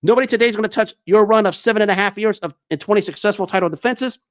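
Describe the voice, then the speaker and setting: A man's voice: high-pitched, very fast. A man hosting a sports talk show, delivering an enthusiastic commentary monologue with frequent restarts and fillers.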